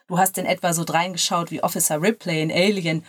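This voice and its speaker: A woman reading the lines of a young male lawyer in a lower, softer, relaxed voice. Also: fairly quick, close to an everyday voice. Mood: teasing.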